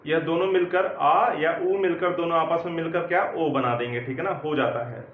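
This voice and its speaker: A man's voice: a little high, moderate pace, roomy sound, phone-quality sound, slight background noise. A man teaching grammar, explaining step by step and often checking that students follow. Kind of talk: classroom lecture.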